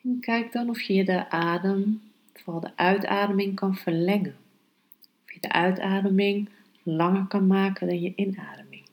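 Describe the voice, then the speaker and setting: A woman hosting a yoga podcast, teaching calmly and guiding meditation in a measured, unhurried way. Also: medium pitch, low-quality recording. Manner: slow, measured, unhurried delivery with pauses. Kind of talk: calm instructional podcast and guided meditation.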